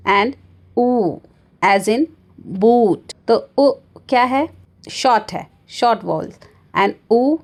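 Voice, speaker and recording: A woman teaching a lesson on vowels, mixing Hindi explanation with careful, drawn-out English examples and modelling each vowel sound. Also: fairly high pitch, a little mellow. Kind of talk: lecture explaining phonetics.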